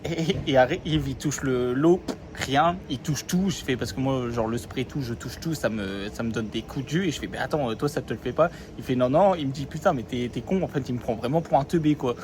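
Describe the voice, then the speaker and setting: A young man from France records a casual phone vlog outdoors, rambling through his day with constant fillers and slang. His pitch sits in the middle range for a man. Traffic and city sounds are clearly heard behind him. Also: fairly quick. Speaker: vlogger. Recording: phone vlog with street noise.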